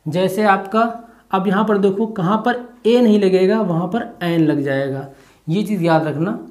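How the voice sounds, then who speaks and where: A teacher giving an exam-prep lesson, stepping through each point by asking a question and then answering it, and checking in often with a quick "okay". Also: medium pitch, darkish tone. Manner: asks and answers own rhetorical questions.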